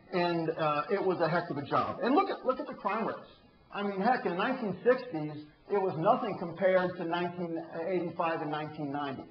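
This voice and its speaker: A man with a drawl tells a case story to a room of prosecutors, tossing out rhetorical questions as he goes. His voice sits fairly high. The sound is roomy and a bit dull. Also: a little hiss or hum. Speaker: ethics trainer. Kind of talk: training talk to prosecutors.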